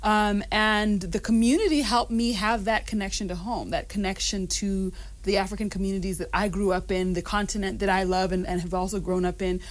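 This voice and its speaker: A woman's voice: medium pitch, fairly even intonation, a little fast, hardly any pauses. A woman raised mostly in the United States, giving a radio studio interview as a guest singer-songwriter, speaking in a thoughtful, earnest way with frequent ums and laughs. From Rwanda and Uganda, raised mostly in the United States.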